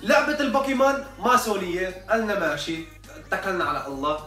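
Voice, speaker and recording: A man's voice: sits high, very animated, fast, bright, forceful tone, far from the mic. A man with a Syrian accent in a joking, mock-exasperated comedic rant. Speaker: comedy vlogger. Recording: echoey room, off-mic, faint music.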